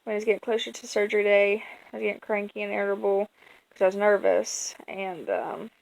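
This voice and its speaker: An American woman telling a personal story in a casual, folksy vlog style, chatty and animated as she quotes herself and leans on words for emphasis. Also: mid-range voice, brisk, creaky, poor audio. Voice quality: colloquial, folksy speech. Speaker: vlogger.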